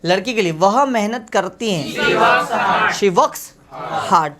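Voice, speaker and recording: Woman teacher drilling grammar line by line, kids shouting answers back in a packed classroom. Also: medium pitch, expressive, over a noisy crowd. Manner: slow, repeating each sentence for the class to echo; scolds pupils fondly as kids. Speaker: English teacher. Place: classroom full of students. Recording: classroom with a loud chorus of students. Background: students chanting answers.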